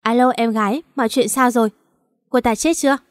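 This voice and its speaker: A woman doing a sneering hoarse kidnapper. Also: a little high, fairly even intonation, brisk, dry recording, studio quality, big-room sound, lightly acted. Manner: mocking.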